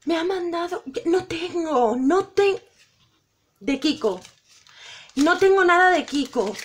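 A middle-aged Spanish woman vlogger opens gifts sent by viewers, gushing emotionally and exclaiming over each one in excited unboxing chat. Her voice is very high-pitched and expressive, and she takes her time.

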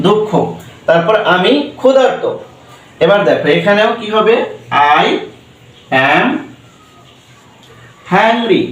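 A man's voice: high-pitched, a bit bright. A man with a Bengali accent teaching spoken English, spelling words letter by letter and asking and answering his own questions. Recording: roomy echo, distant mic.

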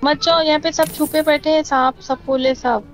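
A woman's voice: sits high, steady tone, soft background music. A woman chatting casually and teasingly with teammates during a game. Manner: chatty, teasing, quick reassuring.

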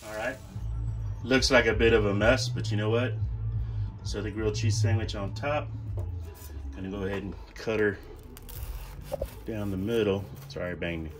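A man's voice: on the low side, fairly even intonation, normal speed, pauses often, over music. A man hosting a casual cooking vlog at an outdoor grill, upbeat and repeating words for emphasis. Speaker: cooking channel host.

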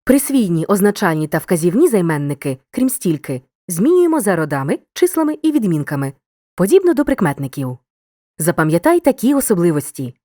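Lively, low-voiced woman teaching grammar. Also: no echo, clean studio sound. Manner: clear, measured, instructive delivery. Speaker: teacher narrating a grammar lesson. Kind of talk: scripted educational narration.

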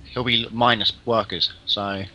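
Caster guy, bright voice, gets loud and excited when fights kick off. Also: fairly low pitch, measured pace, slight background noise. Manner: excitable, rises sharply at big plays. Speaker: esports caster. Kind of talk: live game commentary.

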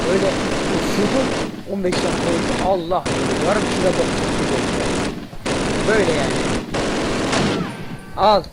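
A young man giving casual, loud, cursing commentary as he plays a shooter game, shouting at enemies. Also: fairly high pitch, very noisy. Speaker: gaming video creator. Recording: loud game gunfire behind the voice.

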